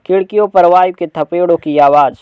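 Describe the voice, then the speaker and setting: A man's voice: high voice, brisk, clean tone, no room sound, lo-fi sound. A man reading a play aloud for students, narrating the stage directions plainly. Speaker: teacher.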